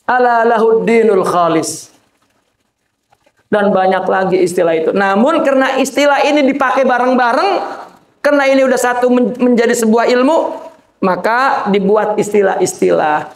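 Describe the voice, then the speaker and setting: Male preacher, very high voice, casual joking sermon, roomy echo. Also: normal speed. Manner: colloquial, joking asides, addresses listeners as "Pak". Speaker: sheikh preaching to a gathering. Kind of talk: informal religious sermon. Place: Islamic boarding school gathering. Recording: echoey room.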